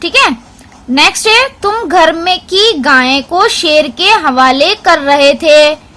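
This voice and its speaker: Female schoolteacher from India, online class, slow and deliberate, clear and instructive, bright tone. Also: high-pitched, animated. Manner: clear, instructive, addresses children directly. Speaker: primary school teacher. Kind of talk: online class lesson, explaining a textbook.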